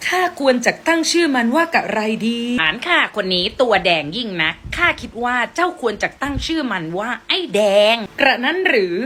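A woman's voice: a little high, sing-song, normal speed, hardly any pauses, pushed and bright, heavily acted. A woman playing an old-time mother in a comedy skit, speaking in an archaic, formal way. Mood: proud.

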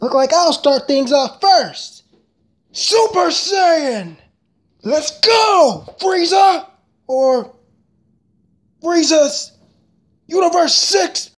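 A man's voice: very high-pitched, animated, very slow, pauses often, voice pushed up, full character voice. A man switching impression voices between hot-blooded anime fighters and taunting villains. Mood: fierce.

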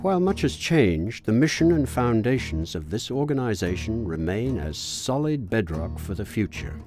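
Expressive male documentary narrator. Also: fairly low pitch, moderate pace, music in the background. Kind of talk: scripted narration.

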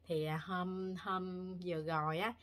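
A woman from Vietnam chats to her viewers in a bright, tense-edged voice. She rambles and restarts often, filling pauses as she talks. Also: lowish voice, little pitch movement. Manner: rambling with many fillers and restarts. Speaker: vlogger. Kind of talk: casual chat to viewers. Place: home in Korea.

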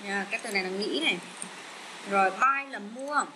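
A woman with a Vietnamese accent teaching English vocabulary, repeating each word slowly with many fillers. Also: medium pitch, background noise. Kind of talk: slow bilingual vocabulary lesson.

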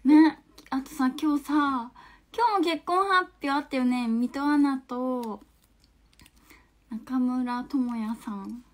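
Slow-paced and chatty, this young woman in her twenties hosts a phone livestream in a bright, high voice with a Hakata dialect. Between reading viewers' comments she laughs freely and sometimes sinks into quiet, near-whispered asides.

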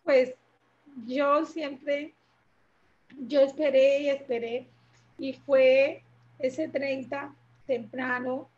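A woman's voice: sits high, steady tone, very slow, long pauses, darkish tone, muffled recording. A woman telling her story as an interview guest, speaking hesitantly, searching for words and repeating herself. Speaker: interview guest, mother of a heart transplant recipient. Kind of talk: emotional personal testimony.

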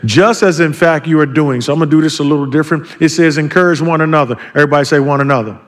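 A man's voice: fairly high pitch, rapid-fire. A man pastor preaching a sermon, leading the congregation in call-and-response and breaking into joking asides.

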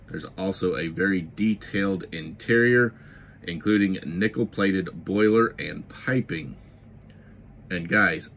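There's slight background noise as a middle-aged toy model channel host moves from a scripted history segment to an eager, relaxed product review. He has a deep, fairly bright voice and delivers it enthusiastically with emphatic repetition.

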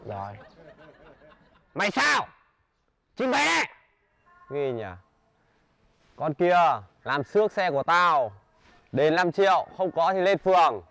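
A man playing a gruff, menacing car owner. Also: high voice, very animated, no room sound, heavily acted. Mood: angry. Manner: gruff, threatening, quick to shout. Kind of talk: web comedy sketch acting.

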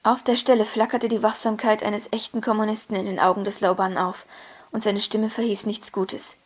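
Female audiobook reader, mid-pitched, measured and expressive. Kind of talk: scripted audiobook narration.

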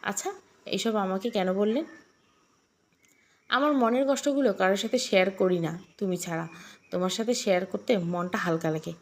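A woman's voice: mid-range voice, normal speed, long pauses. A woman reading a romantic audio story aloud, shifting her tone for each character. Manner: reads every role herself, shifting tone for each character.

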